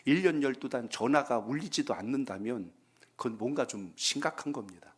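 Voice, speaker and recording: Husky-voiced man preaching a sermon. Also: medium pitch, animated, a little fast. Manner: preaching warmly, calling for amens, telling folksy jokes. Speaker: pastor. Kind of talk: sermon at a Friday prayer meeting. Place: church sanctuary.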